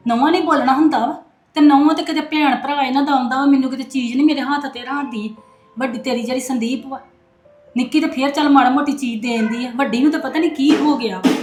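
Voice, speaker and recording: A woman's voice: high-pitched, darkish tone, reverberant, lightly acted. A woman playing a complaining middle-aged mother who grumbles to her son about her daughter-in-law. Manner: grumbling and self-pitying.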